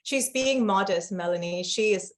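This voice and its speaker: A woman from Singapore, a guest on a podcast interview, who talks warmly and enthusiastically with soft "um" fillers. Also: mid-range voice, normal speed. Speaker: board member, guest. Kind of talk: casual interview chat.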